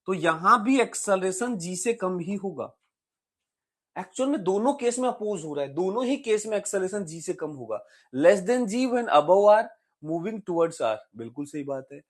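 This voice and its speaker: In a lively, chatty physics exam-prep lecture, a high-pitched man blends English terms into his explanations and often asks his students questions.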